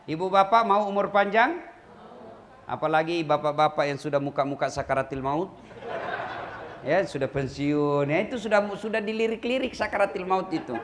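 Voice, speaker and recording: A man preaching a lively, humorous sermon to a large gathering, who jokes and mimics regional ways of speaking. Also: a little high, normal speed, slight background noise. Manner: animated, joking, mimics regional speech. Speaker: Islamic preacher.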